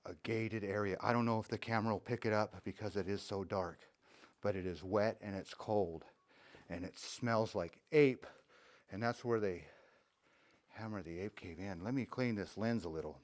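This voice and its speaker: A travel vlogger with a fairly low voice at normal speed narrates his own footage, filmed on a handheld camera in a cave and along an outdoor mountain trail. He plays a jokey, playful tour guide in a casual way.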